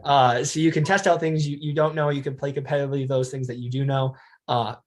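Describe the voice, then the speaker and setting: A young man student on a panel, talking in a relaxed, easygoing way. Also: mid-range voice, quick pace. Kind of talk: casual panel chat.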